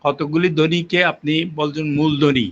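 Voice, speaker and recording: An older linguistics professor speaks in a fairly high voice with little pitch movement and at a normal speed. In this interview he patiently explains with examples and uses frequent fillers, captured on a muffled lo-fi recording.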